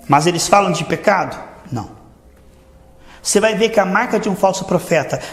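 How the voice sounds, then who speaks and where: Fervent Brazilian pastor in echoing hall. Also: male voice. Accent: Brazilian Portuguese. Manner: fervent, swings between loud emphasis and low asides. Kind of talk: sermon. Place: church hall. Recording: echoey church hall reverb.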